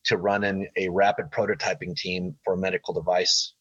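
Low-voiced man, slightly dull recording. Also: level tone, fairly quick, fairly bright tone, husky, no echo. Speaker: podcast guest, machinist. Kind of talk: casual interview, recounting his career.

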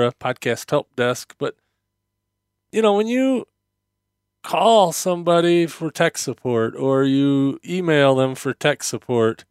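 A man's voice: mid-range voice, clean tone, no room sound, studio quality. Rambling, clean-sounding man podcasting solo, slightly numb-mouthed. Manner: hesitant, meandering, conversational. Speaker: podcast host.

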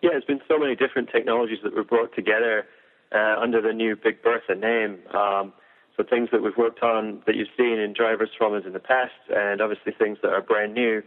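A man's voice: on the low side, steady tone, a little fast. A man, a golf equipment engineer, explaining driver technology in detail with frequent fillers. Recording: tinny phone-like audio.

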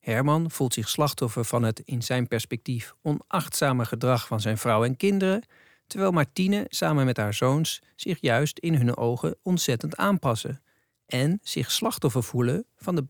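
A man narrating a documentary in a calm, measured, scripted way. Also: mid-range voice, gravelly, no echo, clean studio sound.

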